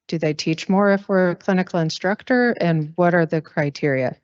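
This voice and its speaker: A woman's voice: on the low side, moderate pace, darkish tone, no echo. A woman faculty senator and surgeon, candidly asking questions at a meeting in an auditorium. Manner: candid, slightly self-deprecating. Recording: dry, dull lo-fi sound.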